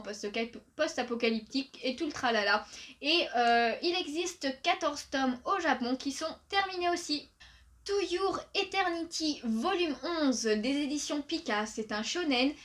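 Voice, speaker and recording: A woman's voice: sits high, a bit bright. A young woman chatting casually on her video channel, full of fillers, reading book summaries aloud. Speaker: manga YouTuber. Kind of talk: casual video chat reviewing new releases.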